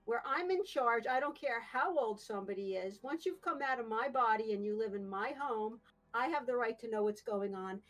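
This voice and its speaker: A middle-aged mother speaks into her son's mic on a group voice call and insists on answers. Her voice is somewhat high and her delivery is firm. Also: expressive, normal speed. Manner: insistent, demanding. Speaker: parent.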